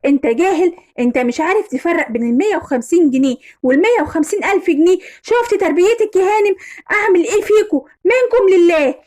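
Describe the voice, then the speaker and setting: A woman's voice: high-pitched, lively intonation, rapid-fire, few pauses. A woman with an Egyptian accent voicing a hot-tempered middle-aged father who scolds his family. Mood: angry. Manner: scolding, shouting in anger.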